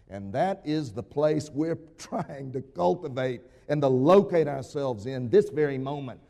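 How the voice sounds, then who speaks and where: Preaching man in a reverberant sanctuary. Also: on the high side. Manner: dramatic preaching, rhetorical questions, swings from raised voice to hushed. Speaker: pastor. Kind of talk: sermon. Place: church sanctuary. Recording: long reverb of a church sanctuary.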